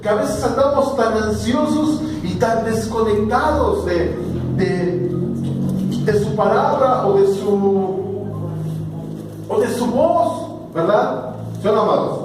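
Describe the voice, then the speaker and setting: A man's voice: high-pitched, slow pace, long pauses, music in the background. A Mexican man preaching a sermon as pastor, telling stories and asking the congregation questions. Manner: storytelling preacher who asks the congregation questions. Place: church hall. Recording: echoey church hall recorded from far off.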